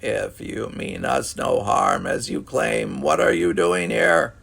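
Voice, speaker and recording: A man voicing a solemn alien leader with a raspy voice, speaking slowly and deliberately. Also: mid-range voice, sing-song, fairly bright tone, exaggerated voice. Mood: grave. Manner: slow and deliberate.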